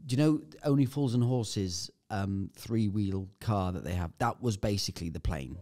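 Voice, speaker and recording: A man's voice: fairly low pitch, animated, normal speed, mellow. A man, a podcast guest, telling a vivid anecdote in casual chat and swearing freely. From United Kingdom.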